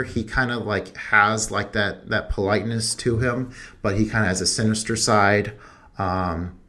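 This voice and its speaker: A man's voice: on the low side, fairly bright tone. A young man co-hosting a movie podcast, talking in a loose, rambling, chatty way. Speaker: podcast co-host. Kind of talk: casual chat.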